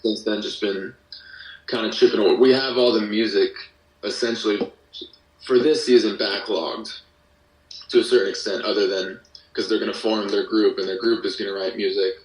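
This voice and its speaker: This young American man has a lowish, steady voice and talks at a normal speed. As a podcast guest who makes music and audio dramas, he chats casually, explaining things in a meandering, self-interrupting way; he sounds distant from the mic, with a roomy echo.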